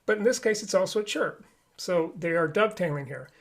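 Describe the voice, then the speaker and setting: A man's voice: high-pitched, animated, brisk, over loud music. A man teaching a live online flute lesson, explaining each step patiently.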